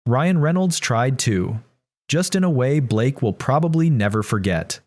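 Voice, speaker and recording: A man's voice: medium pitch, expressive, a little slow, darkish tone. Man reading scripted video narration.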